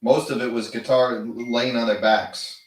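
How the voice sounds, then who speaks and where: A man's voice: mid-range voice, steady tone, a little slow, distant mic. Middle-aged man, dry remarks, off-mic. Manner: dry, matter-of-fact remarks, chides his co-host. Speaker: co-commentating father. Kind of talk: casual live match commentary. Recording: roomy sound from away from the mic.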